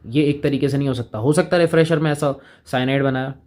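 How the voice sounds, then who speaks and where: A man's voice: medium pitch, steady tone, fast, a little mellow. A man teaching chemistry in a casual lecture, chatting with students and playing both sides of the conversation.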